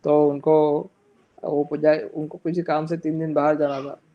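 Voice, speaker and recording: A man's voice: on the high side, flat delivery, measured pace, lo-fi sound. A man telling a religious story in a sermon, slipping in English phrases and acting out the characters' lines. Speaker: speaker giving a religious discourse.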